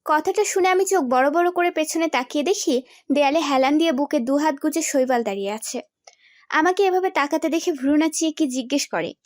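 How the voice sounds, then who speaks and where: A young woman tells a first-person story with expressive flair, speaking a little fast. Her high voice sounds dry and close to the mic, with no room sound.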